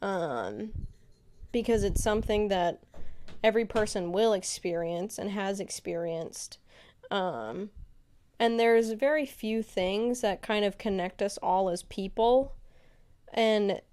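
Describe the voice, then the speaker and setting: A woman co-hosting a podcast in casual chat, musing reflectively with many pauses and filler sounds. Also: medium pitch, darkish tone, slight background noise. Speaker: podcast co-host.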